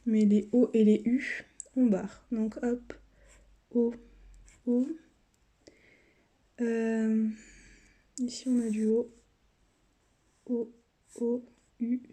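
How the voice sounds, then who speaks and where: A woman YouTuber chats casually to her viewers while scratching lottery tickets, sometimes trailing off into mutters and whispers. Her fairly high, mellow voice is flat, with drawn-out words and frequent pauses. The camera picking her up is set on a table.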